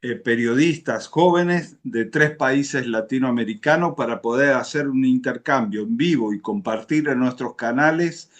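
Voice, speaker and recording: An Argentine man hosting a political video, giving patriotic commentary to viewers in solemn, emphatic oratory with short deliberate phrases. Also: medium pitch. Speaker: political interview video host.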